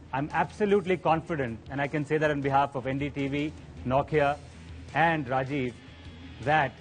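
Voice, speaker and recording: A man, a company executive giving a formal, measured speech. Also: a little high. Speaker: company executive presenting awards.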